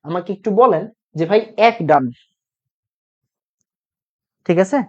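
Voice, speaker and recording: Animated teacher, sore throat. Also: male voice, high-pitched, takes it slowly, dull audio. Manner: repeats points, quizzes students with rhetorical questions. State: sore throat from talking loudly. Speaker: chemistry teacher. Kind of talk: online class lecture.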